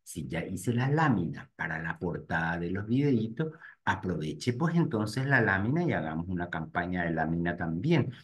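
A low-voiced man leads a live webinar for real estate agents. He speaks straight to his audience and narrates each click out loud as he works through the screens. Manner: talks to "gente" directly while clicking through screens, thinking aloud. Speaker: real estate marketing instructor.

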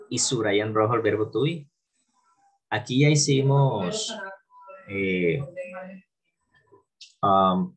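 A man, teaching an English lesson and slowly drilling phrases for his students. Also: mid-range voice. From Colombia. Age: 40s. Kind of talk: classroom video lesson.

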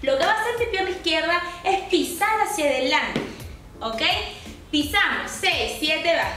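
A woman's voice: high voice, expressive, unhurried, music in the background. A young woman teaching a dance tutorial, upbeat and encouraging, counting the beats aloud and making sound effects for the steps. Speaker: dance instructor. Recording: very echoey room, mic far off.

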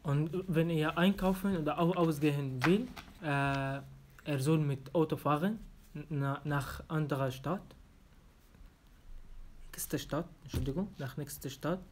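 A Syrian man in his twenties, speaking with an Arabic accent, takes a simulated oral language exam in an office room. He talks haltingly, with many fillers and restarts, in a slightly high voice. There's a little hiss or hum on the recording.

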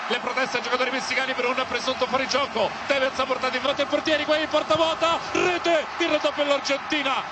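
A man commentating live on football in clipped phrases that rise into excited shouts. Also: extremely high pitch, racing. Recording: loud stadium crowd noise. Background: roaring football stadium crowd.

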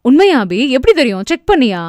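A woman voicing a tender young husband in an audio novel, speaking softly and soothingly in a lowered voice. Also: fairly quick, no room sound, clean studio sound, lightly acted. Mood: excited. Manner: soft, low and soothing.

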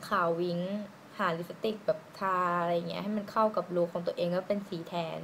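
A woman doing a casual lipstick swatch review, chatty and giggly, musing aloud with drawn-out fillers. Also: on the low side, steady tone, creaky, fairly bright tone. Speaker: beauty vlogger. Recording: noisy room ambience.

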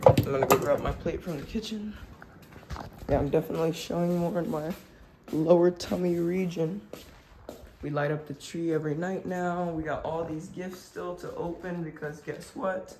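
A young woman with a lowish, slightly nasal, congested voice chats at a moderate pace to her handheld phone camera for a family vlog. She's relaxed and chatty, talking to camera in a car, a restaurant and at home, and the phone video has background noise.

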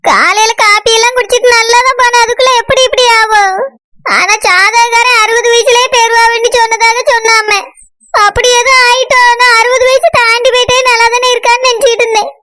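A woman's voice: very high voice, fairly even intonation, brisk, bright, forceful tone, slight background noise. A woman voicing Saroja, an anxious village woman with a Tirunelveli Tamil accent, in a cartoon. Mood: worried. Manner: anxious, tearful pleading. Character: worried village woman Saroja fearing for her mother. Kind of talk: cartoon voice acting.

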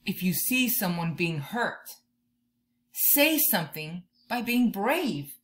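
A woman in her thirties doing an expressive children's read-aloud, drawing out key words like a teacher talking to young listeners. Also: mid-range voice, slow pace. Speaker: teacher reading a picture book to children. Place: bedroom or room at home, indoors.

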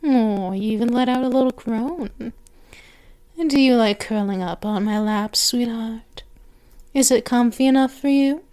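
Playing a possessive vampire mistress who dotes and teases, a woman coos through an intimate ASMR roleplay, slipping at times into whispers and stretching out her words slowly. Her voice is on the high side and mellow.

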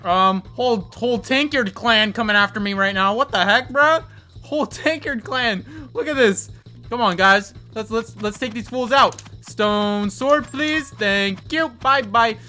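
A young man giving excitable gameplay commentary, laughing often and trash-talking opponents. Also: very high-pitched, a little slow, faint music behind. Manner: excitable trash-talk, frequent laughing, says bro constantly. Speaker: gaming video creator.

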